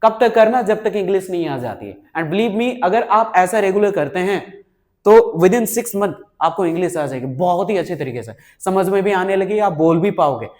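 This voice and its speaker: High-voiced man teaching spoken English. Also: expressive, moderate pace, darkish tone. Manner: repeats "ठीक है?" and "right?" to check on learners; mixes Hindi with English words.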